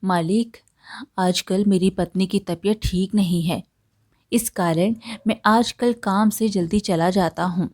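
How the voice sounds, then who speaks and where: A woman's voice: mid-range voice, fairly even intonation, a little slow, a little mellow, close to an everyday voice. Woman doing a poor pleading laborer. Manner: pleading, humble. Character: poor humble male farm laborer, pleading.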